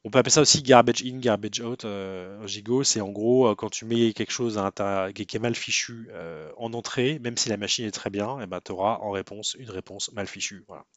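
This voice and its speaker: A man's voice: lowish voice, brisk, few pauses, no echo. A man giving a casual webinar lecture, talking to a student in a conversational way with many fillers and restarts.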